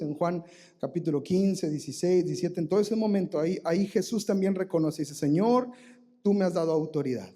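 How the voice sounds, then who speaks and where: Animated Mexican pastor, mellow voice. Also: male voice, on the high side. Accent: Mexican Spanish. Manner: animated, leads the congregation to read aloud and shout. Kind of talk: live sermon. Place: church sanctuary.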